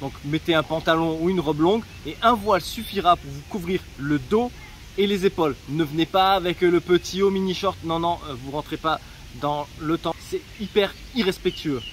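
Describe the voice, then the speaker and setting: A man's voice: on the high side, brisk, a little hiss or hum. A man giving casual travel advice in a vlog, chatty and direct with joking asides, recorded outdoors in a town. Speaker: travel vlogger.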